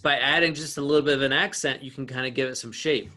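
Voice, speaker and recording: A man's voice: mid-range voice, steady tone, fast. A man teaching an online acoustic guitar lesson, explaining with restarts and fillers and counting beats aloud while he plays. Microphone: video call.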